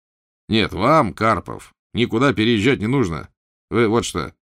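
A man's voice: on the low side, expressive, measured pace, no echo, studio quality. Man doing an imperious, brusque prince. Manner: commanding, loud and brusque. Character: bored, imperious male prince, a capricious grandee.

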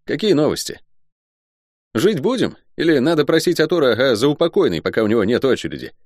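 A man voicing a boisterous, cheeky male soldier and gambler who talks in loud, excitable exclamations. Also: medium pitch, brisk, dry recording, clean studio sound, pitched above the performer's own voice. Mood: chatty.

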